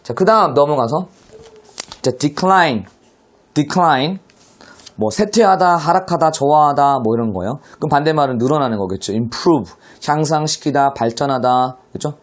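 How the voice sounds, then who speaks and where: A man's voice: fairly high pitch, lively intonation, moderate pace. A man teaching English vocabulary to middle school students in an online class, speaking with a Korean accent and often addressing his students directly.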